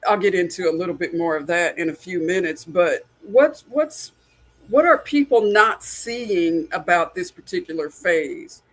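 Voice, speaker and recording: Slow-talking earnest man in his sixties. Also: high voice, animated, a bit bright. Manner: earnest, openly personal. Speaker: podcast host. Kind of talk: casual podcast conversation.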